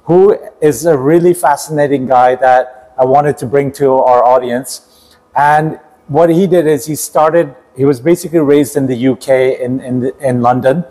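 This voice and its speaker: A man's voice: medium pitch, measured pace, warm tone, low-quality recording. A man hosting a podcast interview, introducing his guest in a conversational way with small restarts. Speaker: podcast host.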